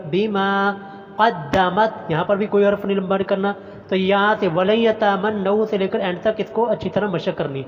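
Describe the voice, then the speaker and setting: A male Quran teacher recites each word slowly and drawn out, then explains its pronunciation briskly. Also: sits high, in a large hall, highs cut off. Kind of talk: recitation lesson.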